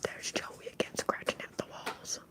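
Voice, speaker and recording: Hosting an ASMR bartender roleplay livestream, a woman from the upper Midwest of the United States puts on an affected Southern American accent. She talks softly and haltingly.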